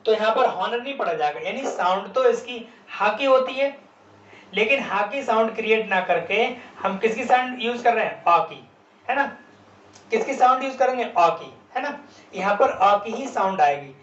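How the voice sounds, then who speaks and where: A man's voice: high voice, animated, normal speed, fairly bright tone. A male English teacher giving a classroom grammar lesson, spelling words out letter by letter and answering his own questions. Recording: roomy, distant, dull lo-fi sound with faint background noise.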